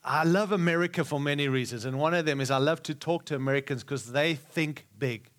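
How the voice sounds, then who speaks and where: A middle-aged Australian man, appearing as a guest preacher, addresses a live church with repeated, rousing phrases and jokes aimed at the congregation. His voice is a little high and fairly bright, and he talks briskly.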